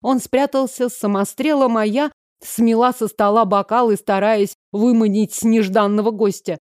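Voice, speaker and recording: A woman reading a first-person novel aloud in a lively, wry storytelling manner. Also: fairly high pitch, normal speed, no room sound, studio quality. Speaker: audiobook reader. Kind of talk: first-person fiction narration.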